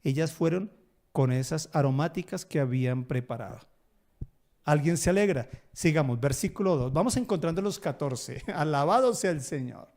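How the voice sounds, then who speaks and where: Man, pastor, sermon, fairly high voice, storytelling with acted quotes, emphatic bursts. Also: lively intonation, moderate pace, darkish tone.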